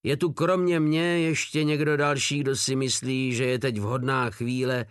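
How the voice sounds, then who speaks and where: A man doing a crude, loud-mouthed soldier. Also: medium pitch, fairly even intonation, smooth, dry recording, clean studio sound, pitched above the performer's own voice, lightly acted. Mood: mocking. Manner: loud, mocking. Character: crude, mocking male soldier.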